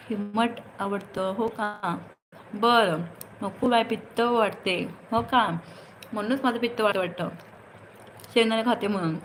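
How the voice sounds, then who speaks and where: A woman's voice: medium pitch, slight background noise, rough recording. A woman hosting a casual phone livestream, greeting viewers by name and chatting in a teasing way. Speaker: livestream host. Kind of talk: casual live chat reading comments.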